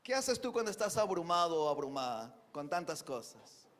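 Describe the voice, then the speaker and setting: Male preacher from Peru, high voice, earnest sermon delivery, swings from emphatic to hushed, lots of rhetorical questions. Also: very animated, normal speed, slight background noise.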